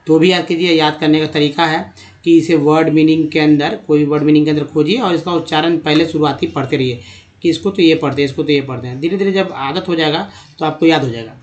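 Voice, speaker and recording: Man slowly teaching spelling sounds. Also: a little high, highs cut off. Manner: explains step by step, repeats words slowly, addresses viewers as friends. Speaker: English teacher. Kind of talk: spoken lesson over slides.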